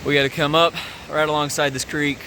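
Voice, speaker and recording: A man casually narrating a rainy mountain hike outdoors, relaxed and chatty with a few fillers. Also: a little high, a little fast, slight background noise. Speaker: hiking vlogger.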